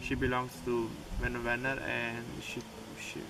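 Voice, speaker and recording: Flat-voiced hesitant young man. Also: medium pitch, normal speed, heavy background noise. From Peru. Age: young adult. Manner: hesitant, broken phrasing. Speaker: volunteer. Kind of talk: interview answers. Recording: distant mic with loud music.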